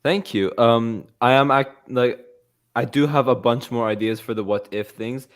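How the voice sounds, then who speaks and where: A man's voice: mid-range voice, fairly even intonation, normal speed. A man hosting a fan news livestream, chatting casually in a playful, teasing way with rambling asides and fillers.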